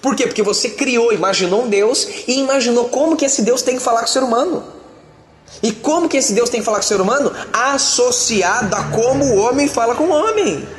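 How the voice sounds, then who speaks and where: A high-voiced pastor preaches with emphatic, colloquial directness, calling out to his listeners as he goes. His voice rings through a roomy hall with a long tail of reverb, faint ambience behind him. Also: expressive, a little fast. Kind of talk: sermon.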